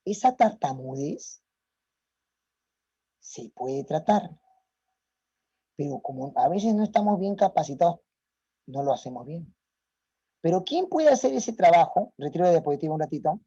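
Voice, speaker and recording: A man's voice: fairly high pitch, big pitch swings, moderate pace, long pauses, mellow, husky, dry recording. Emphatic male lecturer, muffled. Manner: emphatic, rhetorical questions to students. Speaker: teacher. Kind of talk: online lecture. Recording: muffled lo-fi audio.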